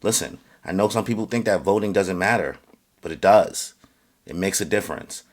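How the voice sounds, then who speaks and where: Speaking to camera, a man vlogger delivers an earnest but halting opinion rant. He stumbles through many fillers and restarts, and his voice gets louder and higher as he becomes heated.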